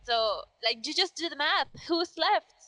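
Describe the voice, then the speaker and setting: A woman's voice: high voice, lively intonation, measured pace, pushed and bright, dry recording, poor audio. Woman, podcast co-host, casual chat, emphatic, sarcastic, dry close sound. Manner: emphatic, sarcastic, lots of "like" and "you know".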